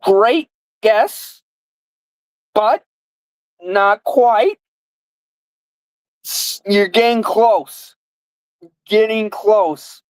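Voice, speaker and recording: A woman's voice: mid-range voice, drawn-out words, pauses often, a little mellow, no room sound, rough recording. A woman in her twenties hosting a casual live guessing game, with slurred, lisping speech from a mouth guard. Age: 20s. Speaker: live stream host.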